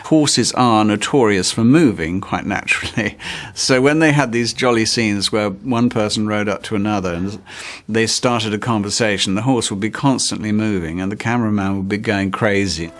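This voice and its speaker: Man telling lively production anecdotes. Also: lowish voice, normal speed. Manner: animated anecdotal telling with chuckles. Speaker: crew member recalling the production. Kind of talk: interview recollection.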